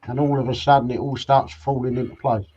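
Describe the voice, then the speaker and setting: A man's voice: medium pitch, steady tone, brisk, warm tone, slightly rough. A man co-hosting a casual chat, easygoing and agreeable with short reactions, heard through slightly dull audio. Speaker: co-host of a hobby live show.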